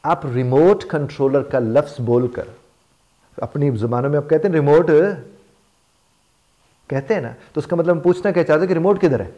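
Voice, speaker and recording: Man coaching spoken English, warm low tone. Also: normal speed, long pauses, lo-fi sound. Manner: explains with everyday examples, repeats phrases for emphasis. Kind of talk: motivational lesson.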